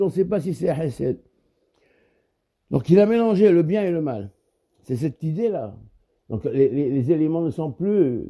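Guy teaching torah, super mellow dark voice, kinda high, stops and repeats words a lot. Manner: halting, repeats words, searches for terms. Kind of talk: spoken Torah lesson.

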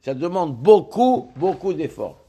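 Male religious teacher, fairly high voice, halting study-lesson delivery with frequent repeated words. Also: very animated, dark tone, slightly rough. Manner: halting, repeats words while explaining each term.

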